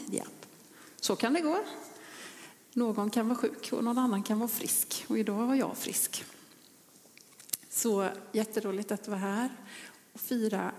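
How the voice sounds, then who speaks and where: A woman preacher telling a story in a sermon, gentle and often dropping to a whisper. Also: a little high. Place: church. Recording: long church reverb.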